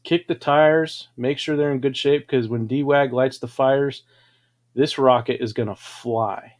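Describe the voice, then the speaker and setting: A man's voice: medium pitch, steady tone, measured pace. A man hosting a livestream, telling grand, boastful stories in a dramatic, preachy way. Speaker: livestream host. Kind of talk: grandiose motivational storytelling.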